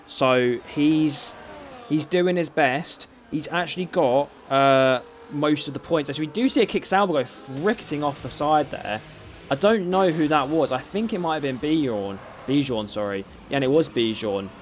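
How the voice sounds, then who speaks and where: A man's voice: on the high side, normal speed, slight background noise. A man with an Essex accent doing live commentary on an online racing league, chatty and often tripping over names and correcting himself. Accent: Essex English.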